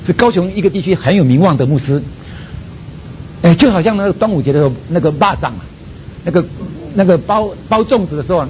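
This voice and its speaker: A man with a Taiwanese Mandarin accent, a seminary president telling his own story in a sermon and acting out his prayers. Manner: animated storytelling, acts out prayers. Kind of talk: sermon testimony. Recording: dull lo-fi sound with faint rumble.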